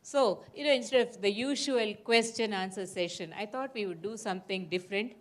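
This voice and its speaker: Female panel moderator, mid-pitched, chatty, playful and full of asides. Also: fairly quick. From Mysore, India. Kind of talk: informal live panel moderating.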